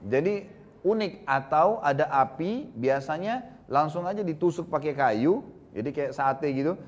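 A man gives a storytelling sermon to a seated congregation and slips into the voices of the people in his story. His voice sits a little higher than most men's. He keeps turning to his listeners with small asides. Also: unhurried. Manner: lively storytelling, acts out dialogue, frequent asides to the audience. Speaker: preacher. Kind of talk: Islamic study sermon, storytelling.

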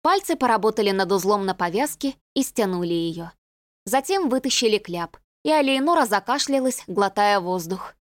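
A woman with a medium-pitched voice narrates an audiobook, reading scripted narration in a measured, even way. The studio sound is clean, with no room sound.

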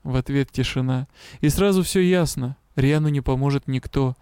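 A man's voice: mid-range voice, moderate pace, dark tone, smooth, no room sound, clean studio sound. A man reading a first-person fantasy audiobook in an emotional, intimate way. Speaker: audiobook reader.

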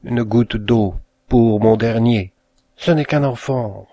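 A man's voice: mid-range voice, takes it slowly, warm tone, no echo. A man voicing a grief-maddened widow who relives a fire, crying out in frantic anguish, in a storybook reading.

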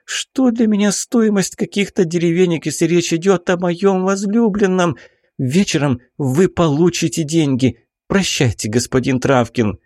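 A man's voice: high-pitched, a little mellow, no room sound, clean studio sound, pitched above the performer's own voice, lightly acted. A man voicing a headstrong young baroness. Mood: resigned. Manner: impassioned, imperious, drawn-out exclamations. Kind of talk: audiobook character voicing.

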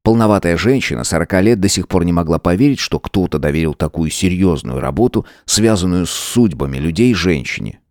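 Мужчина с очень низким голосом ровно и размеренно читает аудиокнигу. Запись сухая, без отзвука помещения. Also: male voice, sits low, no room sound, studio quality. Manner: steady, measured reading. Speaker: audiobook narrator. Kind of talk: scripted narration.

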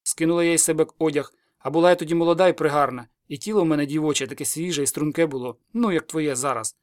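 A man's voice: fairly high pitch, fast, dry recording, studio quality, natural voice. A man doing a rambling old village witch. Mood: ominous. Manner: breathless muttering incantatory ramble.

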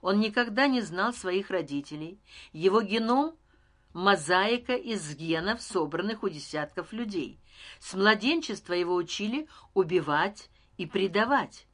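A woman reading an audiobook, voicing a female ruler who speaks to a crowd in a soft, intimate, measured way. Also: mid-range voice, animated. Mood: solemn. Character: female ruler addressing crowd, calm, persuasive.

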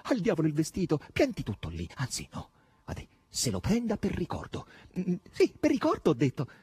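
Male reader doing a high, husky, exclaiming young witch woman for a storybook. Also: huge pitch swings, a little fast, darkish tone, dry recording, full character voice. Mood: exultant. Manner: exclaiming, exultant.

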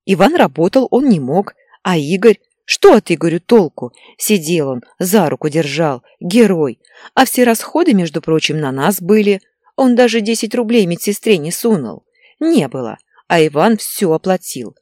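A woman's voice: fairly low pitch, very animated, normal speed, no echo, studio quality. A woman voicing a hysterical, tearful pregnant young wife who whines and snaps defensively. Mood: shrill, indignant. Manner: whiny and defensive, breaks into shouting.

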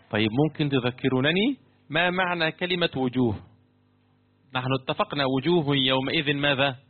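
A male teacher at an ordinary middle pitch leads a classroom lesson on scripture commentary. He keeps pulling his students in, asking the same question twice and leaving sentences open for them to finish. The sound is thin and phone-like, as if heard over a narrow band. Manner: quizzes students with repeated questions and fill-in prompts. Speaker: teacher explaining Quran commentary. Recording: tinny phone-like low-fidelity sound.

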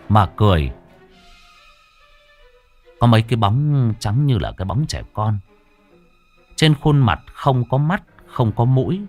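A man's voice: mid-range voice, a little mellow. A man telling a ghost story, dramatic and vivid with earthy humor.

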